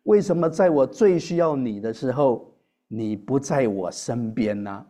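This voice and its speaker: A man's voice: medium pitch, animated, measured pace, warm tone, lightly acted. A man in a sermon voicing a grieving woman who pleads with God. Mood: pleading.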